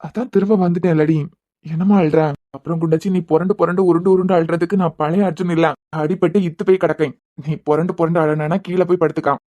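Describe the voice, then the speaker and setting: A woman plays a brash young husband in a cartoon, lying injured but still teasing and protective. He talks fast in a lowish, Kanyakumari-accented voice, blunt and quick to tease. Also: steady tone, mellow, lightly acted. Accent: Kanyakumari Tamil. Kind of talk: cartoon voice acting.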